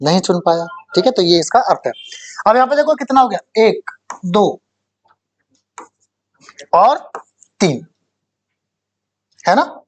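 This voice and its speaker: Guy teaching english in a coaching class, kinda high voice, keeps asking the students questions and repeating stuff. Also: very animated. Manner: explains slowly and repeats key words. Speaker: English teacher for exam prep. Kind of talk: classroom lecture.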